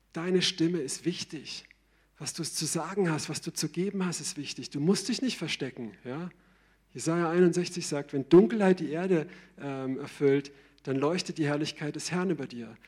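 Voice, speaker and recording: A man preaching a sermon in a conversational, lively way, often checking in with "ja?". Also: medium pitch, husky.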